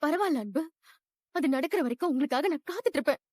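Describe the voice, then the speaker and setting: A woman's voice: high-pitched, lively intonation, fast talker, no room sound. A woman playing a rich young woman who is obsessively in love, with a clingy, pleading and insistent manner in a dubbed drama.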